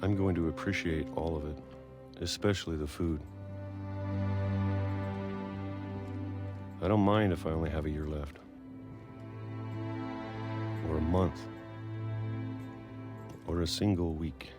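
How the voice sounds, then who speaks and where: An actor playing a middle-aged recluse who has lived underground for decades, speaking slowly and wearily with quiet resolve. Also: male voice, very deep voice, steady tone, over loud music. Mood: hopeful. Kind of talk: game voice acting.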